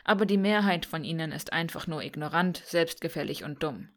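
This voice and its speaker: A wry, cynical young man speaks in a calm, dry tone, as a woman narrator reads him. The voice sits a little low. It is an audiobook reading. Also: a little fast.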